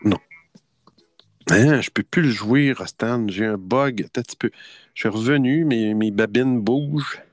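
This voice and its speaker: A man's voice: medium pitch, measured pace, dry recording, studio quality, soft background music. A man with a Québécois French accent hosting a casual online quiz show, playful and chatty. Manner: playful, chatty, laughs often. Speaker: quiz host.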